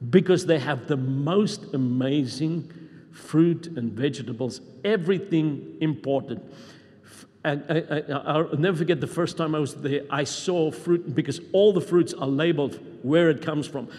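Preacher, male, high pitch, emphatic sermon delivery, long hall reverb. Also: a little slow, a little mellow, slightly rough. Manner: emphatic, reading scripture aloud with rising intensity.

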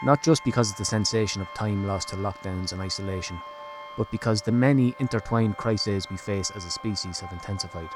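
A man narrating a scripted documentary podcast in a measured, serious way. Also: fairly low pitch. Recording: music behind the narration. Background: music.

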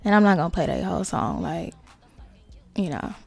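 A woman hosting a casual solo podcast, talking to listeners in slangy, sweary asides with creaky vocal fry. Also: fairly low pitch, moderate pace, soft background music. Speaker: podcast host.

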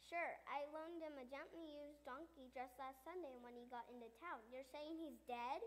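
A woman voicing a fast-talking male used-camel salesman who turns earnest. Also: close to an everyday voice. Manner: salesy, rapid-fire sales pitch. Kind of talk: children's church radio skit.

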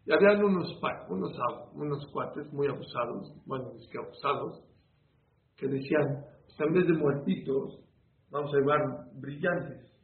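A man's voice: fairly high pitch, normal speed. A man giving a sermon as a rabbi, preaching with rhetorical questions and storytelling. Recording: echoey, phone-like with faint room noise.

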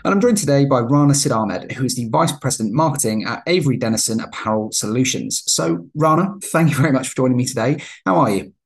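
A man from England hosting a podcast, opening the episode and asking questions quickly with many fillers. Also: medium pitch, animated, gravelly, husky. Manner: fast, filler-laden questioning. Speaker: podcast host. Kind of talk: interview hosting.

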